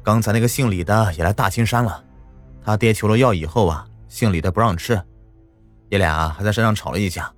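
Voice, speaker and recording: A man voicing a timid, placating middle-aged village uncle in an audio story, speaking low and nervously. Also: fairly quick, faint music behind, close to an everyday voice. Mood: worried.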